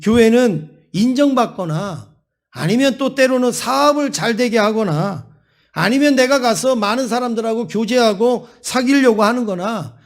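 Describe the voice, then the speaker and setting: This Sunday sermon comes from a male pastor whose high-pitched voice alternates between telling a story and emphatic, rising appeals to the congregation. He sounds animated and keeps a moderate pace.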